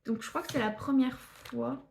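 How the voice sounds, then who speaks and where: A woman's voice: high voice, normal speed, creaky, a little hiss or hum. A woman from northern France chatting through a scrapbooking haul, hesitant with many fillers and restarts. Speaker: scrapbooking YouTuber. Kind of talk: casual haul video.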